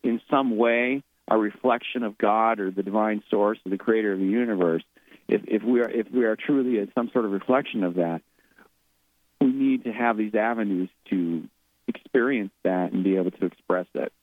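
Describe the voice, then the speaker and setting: Over a tinny phone line, a man who is an author and medium speaks as a radio interview guest. His voice sits on the low side at a moderate pace, and he reflects aloud, often repeating words while searching for the next ones.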